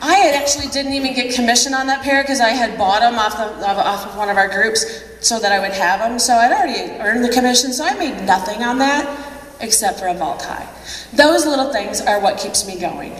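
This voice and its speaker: A woman's voice: on the high side, fairly quick, a bit bright. A woman giving a chatty motivational speech at a convention. She laughs often and acts out what other people said. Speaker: convention speaker. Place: large convention hall. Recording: echoey hall from a distant mic.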